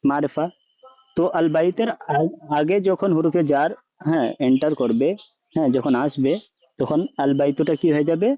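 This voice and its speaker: At a moderate pace and in a slightly high voice, a man teaches a language class, questioning his students and checking often that they understand. He works English words in, and the dull lo-fi recording has no room sound.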